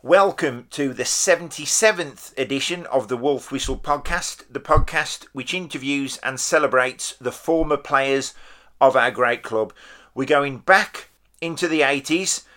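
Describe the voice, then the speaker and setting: A man's voice: medium pitch, unhurried, pushed and bright. A man hosting a podcast and casually interviewing a guest.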